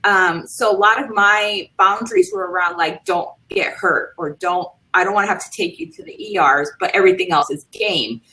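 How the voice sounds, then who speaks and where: A woman's voice: medium pitch, lively intonation, moderate pace, few pauses, pushed and bright, low-quality recording. A middle-aged woman from Puerto Rico speaking thoughtfully, with frequent "um"s, as a panelist in a casual online discussion. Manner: thoughtful, hesitant, many "um"s.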